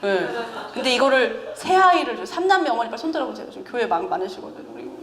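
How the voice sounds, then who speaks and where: Animated woman preaching in an echoey church. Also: a little high, fast talker, a little hiss or hum. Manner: animated, chatty, laughs often, teases the congregation. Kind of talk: conversational sermon. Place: church sanctuary. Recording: echoey church hall with faint ambience.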